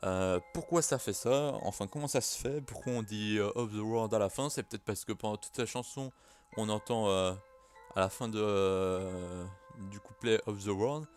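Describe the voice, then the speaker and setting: A man's voice: lowish voice, normal speed, faint music behind. A man talking casually to camera in a vlog, hesitant and full of filler sounds. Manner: hesitant, many "euh" fillers. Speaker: YouTuber.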